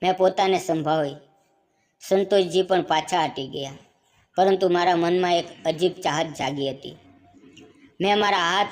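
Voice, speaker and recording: A woman narrating a first-person family story in a calm, measured way. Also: lowish voice.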